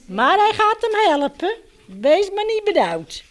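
A woman's voice: very high-pitched, slow pace. A woman reading a picture book aloud to children and talking to them directly as she turns the pages. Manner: animated, addresses children directly. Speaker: children's story reader.

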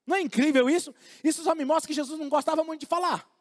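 A man's voice: very high voice, racing, in a large hall. A man preaching a conversational sermon, joking and acting out little everyday dialogues for his congregation. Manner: humorous, acts out little dialogues.

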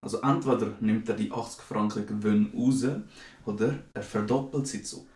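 A man's voice: on the low side, fairly even intonation, normal speed, darkish tone. A young man with a Swiss German accent, co-hosting a casual podcast and teasing his friend as he jumps into the story. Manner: teasing, interrupting sidekick. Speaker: podcast co-host. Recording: echoey room, distant mic, faint noise.

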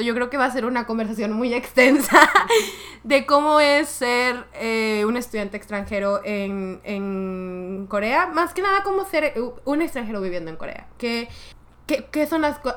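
A young woman leads a casual talk as its host. Her voice sits somewhat high and she laughs easily. She hesitates and restarts often, filling gaps with small sounds. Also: a bit bright. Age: young adult. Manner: giggly, many fillers and restarts. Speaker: podcast host. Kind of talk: casual chat.

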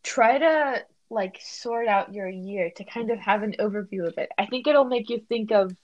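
A teenage girl co-hosting a podcast, talking in a thoughtful, halting way with lots of fillers. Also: medium pitch, no echo, highs cut off. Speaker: podcast co-host. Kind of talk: casual reflective chat.

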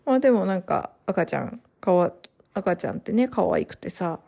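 A woman, a new mother, chatting casually to her viewers in soft, rambling sentences full of fillers and pauses. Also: on the low side, expressive, creaky. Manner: trails off in long run-on sentences. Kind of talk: casual chat to camera.

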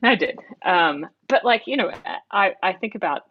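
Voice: mid-range voice, expressive, normal speed, a little hiss or hum. Australian host, casual, teasing, reminiscing; dull lo-fi audio. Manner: reminiscing, playful teasing, frequent restarts. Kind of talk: casual chat. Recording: dull lo-fi recording.

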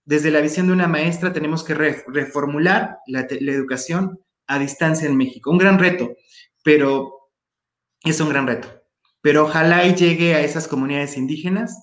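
A man's voice: fairly high pitch, echoey room. A man with a Mexican accent, speaking emphatically in an interview about education and repeating his key phrases. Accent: Mexican Spanish. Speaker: education guest. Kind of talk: opinionated interview talk.

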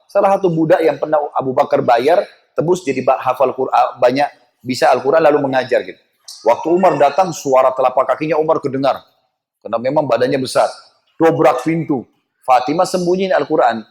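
A man preaching in a storytelling sermon, animated and acting out the voices of the people in the story. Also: mid-range voice, brisk.

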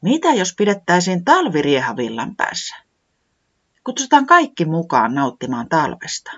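A reader voicing a calm, thoughtful animal friend in a storybook, who muses aloud and gently proposes plans. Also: mid-range voice, husky, heavily acted. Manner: musing, suggests plans gently. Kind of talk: storybook reading. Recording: dull lo-fi sound.

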